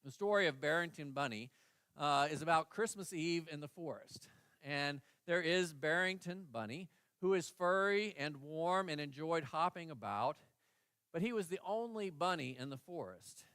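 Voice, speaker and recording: A man's voice: a little high, animated, moderate pace, fairly bright tone, smooth, no echo. A middle-aged male pastor preaching a sermon in a church, telling a parable in an earnest way and giving the story's animals their own voices. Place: church sanctuary.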